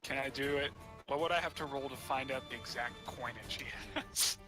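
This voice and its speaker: A man's voice: medium pitch, moderate pace, pushed and bright, soft background music. A man playing a tabletop game, joking and playful as he asks about his options. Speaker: player. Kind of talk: casual game chat.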